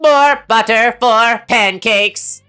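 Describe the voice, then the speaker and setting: A woman voicing a small, meek mechanical snail butler robot that speaks in a pleading, slow, sing-song way. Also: on the high side, pushed and bright, smooth, soft background music, pitched above the performer's own voice. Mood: chirpy.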